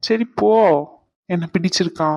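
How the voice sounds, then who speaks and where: Raghu is a playful young cartoon man who teases and coaxes his sweetheart, voiced by a woman. The voice sits low for her. The recording is close and dry. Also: unhurried, vocal fry, no room sound. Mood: coaxing. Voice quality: teasing, coaxing. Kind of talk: cartoon voice acting.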